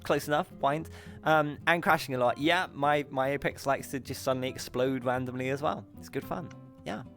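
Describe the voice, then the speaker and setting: A man hosting a live stream, chatting casually and excitably with viewers and pronouncing his r's as w's. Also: medium pitch, moderate pace, faint music behind. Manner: says w for r. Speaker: host of a live streamed show.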